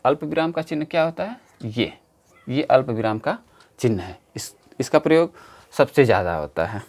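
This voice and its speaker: A man teaches an exam-prep grammar lesson in a voice of ordinary pitch. He talks slowly and patiently, repeating each key term several times and explaining step by step. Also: animated, darkish tone. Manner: slow, repetitive, explaining step by step.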